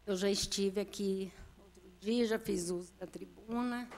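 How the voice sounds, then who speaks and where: A woman giving nervous, halting testimony as an invited guest at a council committee meeting, with many fillers and restarts. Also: mid-range voice, gravelly, darkish tone. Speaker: invited guest making complaints. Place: council chamber.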